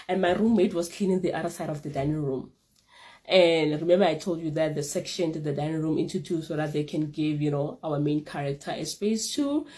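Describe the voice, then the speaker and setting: A woman tells a personal story in a casual vlog, animated and laughing often. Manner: animated, laughing often, lively pitch jumps. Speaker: vlogger.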